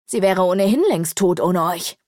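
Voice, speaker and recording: A woman's voice: fairly low pitch, normal speed, a little mellow, no echo, clean studio sound, lightly acted. A woman voicing a haughty, cruel male demon lord who talks down to others with scorn, in an audiobook. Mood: scornful. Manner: scornful, condescending.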